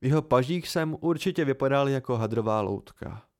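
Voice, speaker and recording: Male amateur audiobook narrator, calm and steady, mid pitch. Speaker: audiobook reader.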